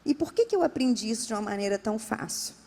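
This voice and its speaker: A woman's voice: on the high side, animated, fast talker, dark tone, big-room sound. A woman pastor with a Brazilian Portuguese accent, preaching a sermon with emphatic, repetitive phrasing. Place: church.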